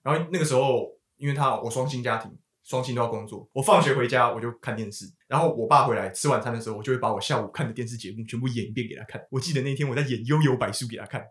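Young man, Taiwanese Mandarin accent, rapid, swears casually, echoey room. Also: mid-range voice. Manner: swearing, animated retelling, voice jumps up when exasperated. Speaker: podcast co-host. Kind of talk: casual storytelling chat.

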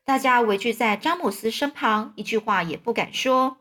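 A woman reading a children's story aloud, explaining words along the way and slipping into excited character voices. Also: fairly high pitch, moderate pace.

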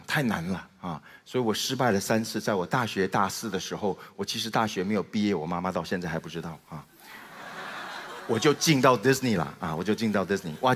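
A man's voice: on the low side, husky. A middle-aged man from Taiwan with a Taiwanese Mandarin accent, telling a humorous personal testimony as a guest speaker and acting out the dialogue with comic timing. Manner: animated storyteller with comic timing, acts out dialogue. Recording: reverberant hall.

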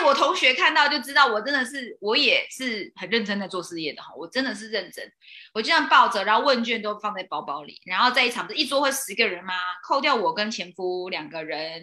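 A woman hosting a casual chat, telling personal stories in an animated way, acting out dialogue and laughing often. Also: medium pitch. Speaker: host.

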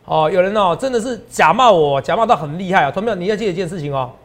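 Male finance host, Taiwanese Mandarin accent, high voice, rapid and emphatic delivery. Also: animated. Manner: emphatic and repetitive, often ends lines with a tag question. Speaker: stock market analyst host. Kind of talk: animated market commentary.

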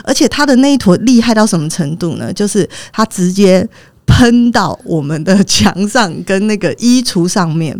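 Woman, 30s, chat show host. Expressive storyteller with a dry, close sound. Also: medium pitch, normal speed, no echo. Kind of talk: casual chat.

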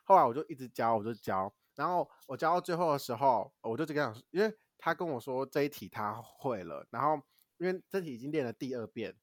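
A young man from Taiwan, co-hosting a podcast and telling a story in casual chat, animated and swearing lightly. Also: mid-range voice, brisk, no echo, clean studio sound. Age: young adult. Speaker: podcast co-host.

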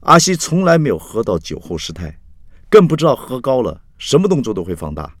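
Animated male storyteller. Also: medium pitch, a little fast, no echo, clean studio sound. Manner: animated, conversational. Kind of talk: storytelling narration.

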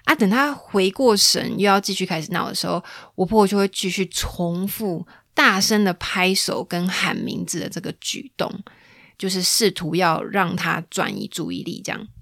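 A woman's voice: normal speed, vocal fry, fairly bright tone, no echo, clean studio sound. Chatty woman podcaster. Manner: chatty, playful, acts out quoted lines in a higher voice. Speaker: podcast host. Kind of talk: casual parenting podcast talk.

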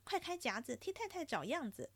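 A woman voicing a sharp-tongued, jealous young noblewoman who runs the household, speaking in a teasing, probing, commanding way. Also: sits high, very animated, a little fast, no room sound, voice pushed up.

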